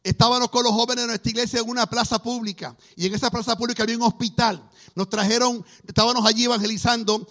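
Middle-aged guy preaching testimonies, very high bright voice, acts out every quote. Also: fast talker. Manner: lively storyteller acting out quoted voices. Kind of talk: testimony sermon.

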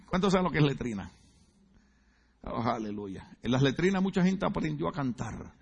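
A man's voice: on the high side, lively intonation, quick pace, creaky, darkish tone, slightly rough. A male pastor preaching a sermon in a church, joking and teasing the congregation and asking them questions. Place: church sanctuary.

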